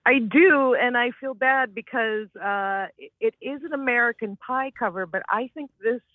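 A man's voice: extremely high pitch, normal speed, no echo. A man calling in to a radio show over the phone, hesitant and stumbling over his words. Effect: phone line call-in. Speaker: caller. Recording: tinny phone line.

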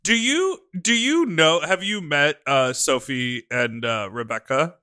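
A man's voice: on the high side, animated, a little slow, sharp tone, no echo, clean studio sound. A man hosting a casual chat. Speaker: podcast host.

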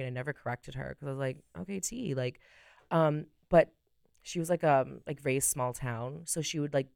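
A young drag performer chatting as a podcast guest, telling stories with lots of fillers and acted-out quotes, recorded on a studio mic. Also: female voice, low-pitched, gravelly, darkish tone, smooth, no room sound. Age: young adult. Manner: chatty storyteller, many fillers, acts out quotes. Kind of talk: casual podcast chat.

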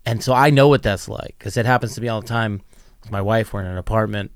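A young man, a comedian guest, chatting casually in a wry, teasing way that turns animated when he mimics people. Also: on the low side, fast, smooth, dry recording, clean studio sound. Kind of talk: casual chat.

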